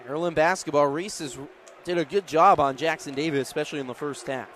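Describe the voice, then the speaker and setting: This is live radio sports commentary from courtside in a large indoor arena: an American man with a fairly high, fairly bright voice calls basketball play-by-play quickly in clipped, vivid phrases. Behind him are a basketball crowd, a bouncing ball, and faint arena noise.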